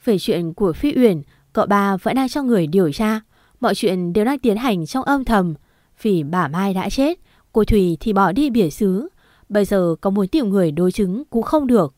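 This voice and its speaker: A woman tells a first-person story in a steady, earnest reading at a middle pitch. The sound is dry and close, with no room in it. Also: normal speed, no room sound. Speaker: narrator. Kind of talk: scripted story narration.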